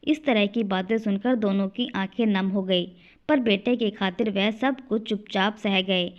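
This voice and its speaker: A woman's voice: mid-range voice, unhurried, muffled recording. A woman narrating an emotional story in a scripted storytelling style.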